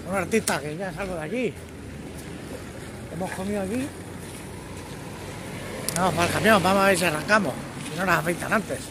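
Phone held out at arm's length, a middle-aged truck driver chats casually to camera outdoors by the trucks and road, welcoming viewers as artists. His high-pitched voice moves a little fast and he pauses often. Wind and traffic noise fill the noisy outdoor audio.

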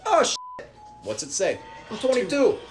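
A man hosting casual gaming chat, joking and excitable, trading banter with friends. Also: extremely high pitch, a little slow. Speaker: host. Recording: music playing behind.

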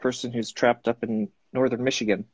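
A man's voice: mid-range voice, level tone, a little fast, slightly rough, dry recording, dull audio. A man hosting a casual live-stream interview, easygoing and prompting his guest with short questions. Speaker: host. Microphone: live video stream.

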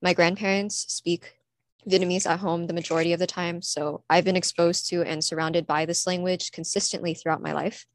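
Reading from her slides with small pauses, an earnest teen from California, USA, delivers a prepared student presentation at an online conference. Her lowish voice has a flat delivery, and the computer-mic audio is poor, with no room sound.

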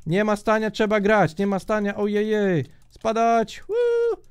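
A young man giving joking, excitable commentary while he plays a multiplayer block-building minigame, often shouting at other players. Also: high-pitched, a little slow, smooth. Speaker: gaming YouTuber.

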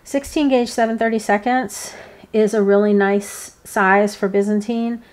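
A woman giving informal, hands-on step-by-step craft instruction, pausing between steps. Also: medium pitch, steady tone, darkish tone. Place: indoors, seated at a work table.

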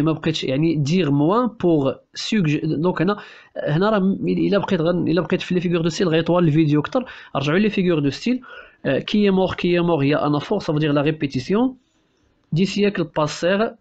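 Rapid Moroccan teacher, lo-fi sound. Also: male voice, a little high, darkish tone. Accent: Moroccan Arabic. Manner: rapid code-switching explainer, many restarts. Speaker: French literature teacher. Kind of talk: exam-prep lesson on a novel.

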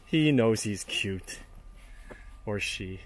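A travel vlogger with a fairly low, expressive voice talks very slowly in off-the-cuff commentary, chatting informally, speculating aloud and swearing now and then. He's on location, outdoors and aboard a train. Noisy handheld outdoor and travel ambience surrounds him.

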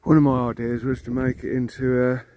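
This owner of a vintage combine has a medium-pitched, dark-toned voice that moves little in pitch, and he talks briskly with no echo. He strolls around the old machine in an overgrown field, shooting on a handheld phone. He thinks aloud casually, rambling and restarting with frequent ums.

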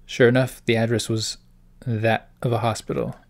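A man's voice: fairly low pitch, level tone, normal speed, creaky. A man, the host of a gaming channel, playing through a story game, reading its text aloud and reacting in puzzled asides. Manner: reads dialogue aloud in a plain voice between puzzled asides.

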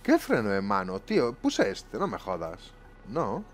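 Cursing gamer, lively pitch. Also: male voice, unhurried, slight background noise. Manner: swearing, exasperated, talking to viewers. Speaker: gaming YouTuber. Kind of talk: live gameplay commentary. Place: home room.

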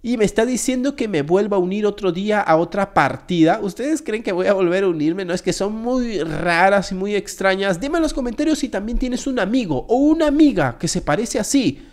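A man giving jokey, excitable gameplay commentary straight to his viewers. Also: sits high, a little fast. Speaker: gaming video creator.

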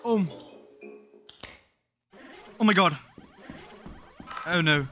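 A young man in casual gaming voice chat, loud, excitable and swearing a lot. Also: sits high, drawn-out words, faint music behind. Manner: loud, swearing, excitable, makes gorilla noises. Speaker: game player. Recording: noisy voice-chat recording.

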